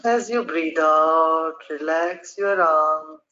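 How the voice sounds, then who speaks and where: A speaker guides a meditation with calm, measured instructions on breathing and relaxing. They speak slowly and evenly. The sound is muffled and lo-fi. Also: medium pitch. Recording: dull lo-fi recording.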